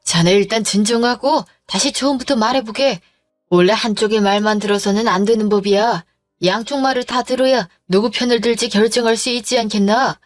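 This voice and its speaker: A woman voicing a calm, stern older father-in-law who speaks in a measured, old-fashioned way, in a dramatized story. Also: a little high, no room sound, studio quality, natural voice.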